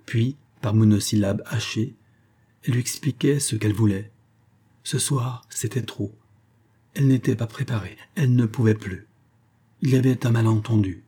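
A man reading a classic romantic story aloud in a measured, expressive way. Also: fairly low pitch, husky. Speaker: audiobook narrator. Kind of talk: scripted narration of a classic story.

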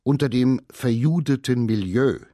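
A man voicing a cold, haughty male actor who speaks slowly, quietly and cuttingly in a radio reading. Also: mid-range voice, dry recording, clean studio sound, natural voice. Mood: menacing.

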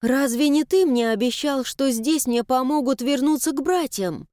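A woman's voice: moderate pace, warm tone, no room sound, studio quality, lightly acted. Mila, a woman doing a fiery village girl. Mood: bewildered. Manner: high, indignant and pleading. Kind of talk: audiobook character voice.

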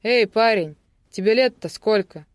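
Give me a narrator playing a loud, barking father in an audiobook, dry sound. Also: medium pitch, measured pace, no room sound, voice pushed up, close to an everyday voice. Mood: incredulous. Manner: barking, shouting. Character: stern angry father, gruff and loud.

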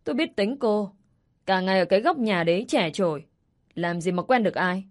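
A woman's voice: medium pitch, lively intonation, a little fast, lightly acted. A woman voicing a smug ex-husband who taunts and mocks his former wife in a story reading. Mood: mocking. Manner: taunting, mocking. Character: smug mocking ex-husband, man.

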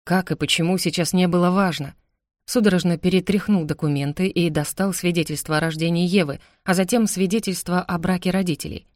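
A woman's voice: lowish voice, darkish tone, no echo, studio quality. A woman narrating a first-person novel with an intense, emotional reading. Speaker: audiobook narrator.

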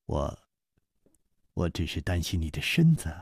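A man voicing a suave, easygoing young male hero in a storytelling broadcast, murmuring low and hushed. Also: sing-song, measured pace, creaky, slightly rough, dry recording, clean studio sound, exaggerated voice. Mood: musing.

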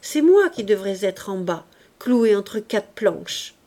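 Lady reading a tired bedridden woman, soft and a bit whiny, warm voice. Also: medium pitch, sing-song, slow. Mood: plaintive. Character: languid bedridden woman, mildly melancholy.

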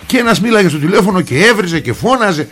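A man's voice: high voice, animated, a bit bright. A man hosting a radio show, retelling a news story in a colloquial, rambling way with joking asides to his listeners.

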